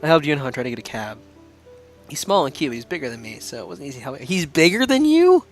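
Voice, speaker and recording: A man's voice: mid-range voice, quick pace, a bit bright, soft background music. A man co-hosting a casual game playthrough, joking, laughing often and reading the game's narration aloud. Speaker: co-host playing and reading a visual novel. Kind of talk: casual let's-play chat with read-aloud narration.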